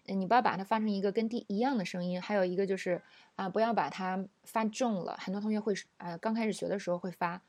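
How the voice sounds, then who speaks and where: Female pronunciation teacher, middle pitch, dry close sound, patient explaining and clear model words. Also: steady tone, quick pace, a little mellow, no echo. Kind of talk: recorded language lesson.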